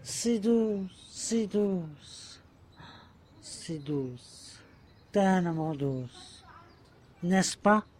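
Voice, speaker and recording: A man's voice: sits high, drawn-out words, long pauses, darkish tone, a little hiss or hum. A man playing an adoring, anxious young lover in an amateur audio drama, talking tenderly and pressing for answers. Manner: tender, pleading, insistent. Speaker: voice actor.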